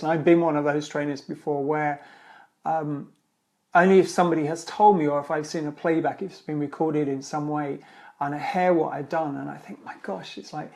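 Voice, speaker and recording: A man's voice: a little high, darkish tone. A man with a slightly raised voice hosts a casual live-streamed Q&A as a speaking trainer. He rambles in a friendly way, full of fillers and false starts, with light laughs now and then. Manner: chatty, rambling, with many fillers and restarts.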